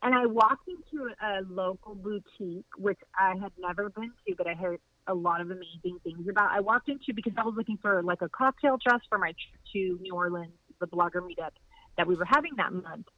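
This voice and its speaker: A woman's voice: mid-range voice, brisk, no room sound. A woman from Laredo, Texas, a boutique owner telling long rambling stories as a podcast guest, chatty and full of "like". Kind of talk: casual interview storytelling. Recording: dull, lo-fi, dry recording.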